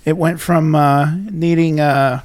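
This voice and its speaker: A man's voice: a little high, level tone, slow pace. A man co-hosting a show in casual chat, with wry, joking storytelling. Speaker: podcast co-host.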